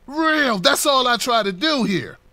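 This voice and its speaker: Bright-voiced man on a fired-up political rant. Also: high voice, animated, moderate pace, dry recording. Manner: impassioned, preachy, rising to near-shouts. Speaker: political commentary vlogger.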